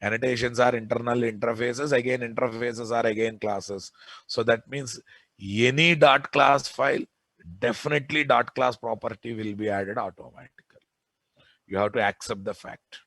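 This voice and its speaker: This programming lecturer, speaking with a Telugu Indian accent, runs an informal technical class and insistently asks his students questions. His medium-pitched voice is a bit bright and comes at normal speed, with no room sound.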